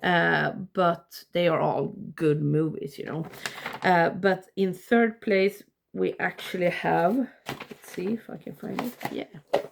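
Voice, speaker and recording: Woman reviewer w stuffy nose, slow n rambly, lots of vocal fry, chatting casually. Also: lowish voice, fairly even intonation. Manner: halting, rambling, self-interrupting. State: congested, blocked nose. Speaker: video reviewer. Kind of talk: casual ranking review to camera.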